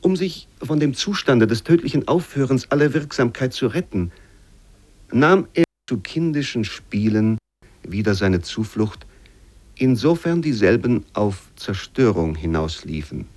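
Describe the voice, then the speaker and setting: Reading scripted literary prose for a radio feature, a male narrator uses a mid-range voice. His delivery is formal and measured, with expressive emphasis.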